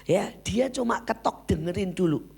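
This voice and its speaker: A woman's voice: mid-range voice, moderate pace, creaky. A woman preacher giving a sermon full of personal stories, often addressing her listeners directly as brothers and sisters and acting out the people she quotes. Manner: addresses listeners as "saudara" again and again; lively storyteller who acts out the people she quotes.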